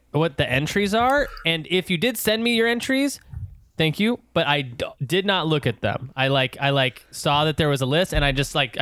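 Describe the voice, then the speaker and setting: Male podcast host, animated and giggly, higher-pitched, bone-dry recording. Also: no echo. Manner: laughing, rambling, animated. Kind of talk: casual group chat.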